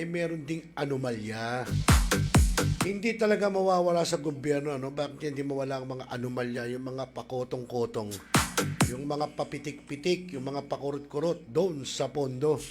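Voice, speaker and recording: Brief: male online host, casual live commentary, excitable and preachy, music bed behind. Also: a little high. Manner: animated, exclaiming, rhetorical questions.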